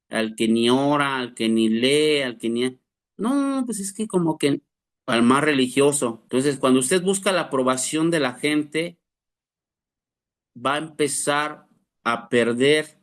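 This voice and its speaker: A man preaches to his class at a middle, ordinary pitch. He talks earnestly, pressing his listeners with rhetorical questions. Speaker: pastor teaching a class. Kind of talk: sermon.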